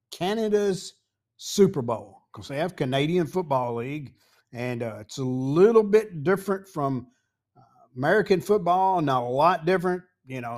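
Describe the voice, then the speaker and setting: An older Southern man from Tennessee with a thick local accent, his voice sitting a bit higher than most men's. He drifts through a casual story in a folksy way, stopping often for fillers and side remarks. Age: 60s or older. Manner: rambling, folksy, many pauses and asides. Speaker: podcast host.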